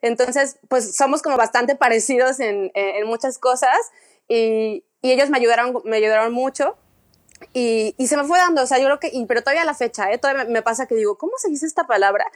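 A young woman with a Mexican accent, talking as an interview guest in a casual, animated way, often restarting her sentences. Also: a little high, a little fast. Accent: Mexican Spanish. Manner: chatty, animated storytelling with frequent restarts.

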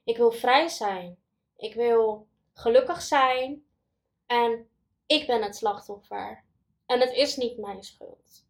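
Young woman recounting, halting. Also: a little high. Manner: halting, many pauses and fillers, quoting others. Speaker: guest. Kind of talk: personal testimony in an interview.

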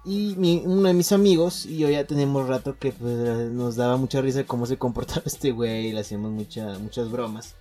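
A man's voice: mid-range voice, steady tone, dark tone, faint music behind. Slangy, swearing young Mexican man. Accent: Mexican Spanish. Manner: slangy, profane, joking, halting with restarts. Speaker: podcast storyteller. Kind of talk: casual anecdote telling.

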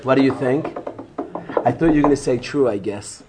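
A man's voice: medium pitch, normal speed, over loud music. A man, teaching an informal Torah class and joking students he calls by name. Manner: animated, joking, talks straight to students by name. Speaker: rabbi teaching a yeshiva class.

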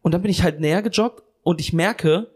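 A man's voice: sits high, a little fast, darkish tone, breathy edge. A young man co-hosting a comedy podcast, telling a long story in a rambling, profane way and often circling back with fillers. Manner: rambling, swears a lot, keeps restarting with "anyway". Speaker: podcast co-host.

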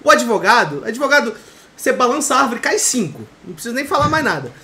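A man co-hosting a casual podcast, an animated storyteller who mimics others in banter. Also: very high-pitched, fast. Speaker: podcast co-host.

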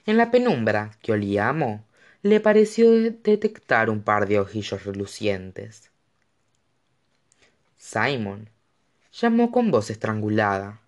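A man's voice: on the low side, sing-song, normal speed. A man reading a fantasy novel aloud, narrating expressively and dramatically. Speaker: audiobook reader.

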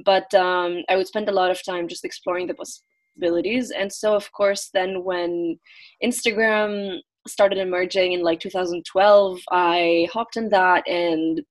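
A woman's voice: on the low side, measured pace. Young woman from Greece, twenties, easygoing guest on a remote call, filler-heavy chat. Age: 20s. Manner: relaxed, many ums and likes. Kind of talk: casual conversational interview.

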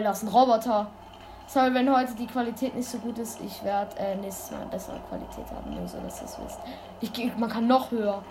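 A woman giving casual gameplay commentary, excitable and full of youthful slang, breaking into sudden loud exclamations. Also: fairly high pitch. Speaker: let's play gamer. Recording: constant background noise.

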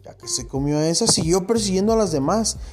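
Mellow-voiced man telling a children's story. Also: high voice, fast, soft background music. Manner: animated, asks listeners questions. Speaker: teacher. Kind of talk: storytelling for young schoolchildren.

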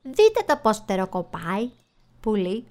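A woman's voice: mid-range voice, very animated, darkish tone, close to an everyday voice. A woman voicing a big, stubborn male hare who insists on his point in a blunt, matter-of-fact way. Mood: insistent.

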